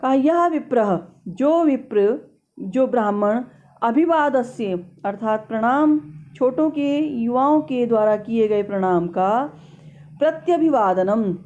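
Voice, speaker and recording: A middle-aged woman giving a slow, explanatory lecture on a classical text, carefully drawing out vowels to demonstrate how they are pronounced. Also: on the high side, expressive, mellow, highs cut off. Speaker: Sanskrit lecturer.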